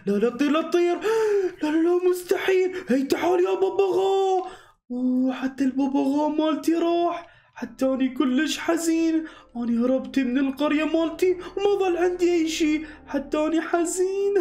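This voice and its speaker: A man with an Iraqi accent voicing an excitable young male hero in an animated game movie, talking breathlessly to himself. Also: extremely high pitch. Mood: sad. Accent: Iraqi Arabic. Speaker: voice actor and channel host. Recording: echoey room with background music.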